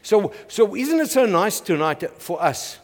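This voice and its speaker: South African pastor, high voice, energetic sermon, lots of amens, reverberant church hall. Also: male voice, measured pace. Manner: energetic, call-and-response, frequent "Amen".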